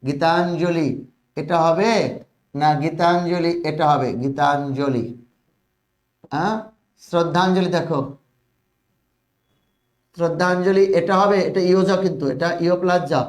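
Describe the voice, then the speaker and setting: Male teacher, high voice, drills spelling rules, repeats words, echoey room. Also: steady tone. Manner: drills students, repeats words, urges quick answers. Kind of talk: online spelling lesson.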